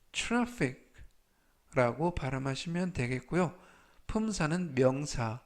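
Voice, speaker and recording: A male language teacher works through a word list at a deliberate, unhurried pace. He sounds each English word out several times in a slightly higher register, then explains it in a patient, even tone. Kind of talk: vocabulary lesson with spelled-out pronunciation drills.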